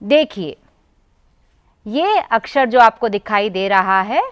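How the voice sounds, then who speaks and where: A woman teacher with an Indian Hindi accent giving a televised lesson to children, drawing out each sound slowly and asking them questions. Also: medium pitch, animated, no room sound. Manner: slow, drawn-out pronunciation, addressing children directly. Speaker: primary school teacher.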